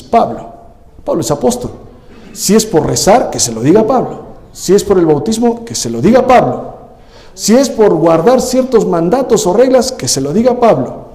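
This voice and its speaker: A man delivers a lively church sermon, pressing the congregation with question after question. His voice sits high but sounds mellow and dark in tone. Long church-hall reverb trails behind every phrase. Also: normal speed. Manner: animated preaching, rhetorical questions to the congregation. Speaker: pastor. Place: church service.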